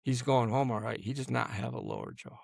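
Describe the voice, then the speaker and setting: Older man in his seventies, gravelly voice, halting storytelling, dry close sound. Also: mid-range voice, a little mellow, no room sound. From United States. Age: 70s. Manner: halting, restarts often, drops to a near-murmur at grim moments. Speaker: guest, combat veteran. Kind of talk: personal storytelling in an interview.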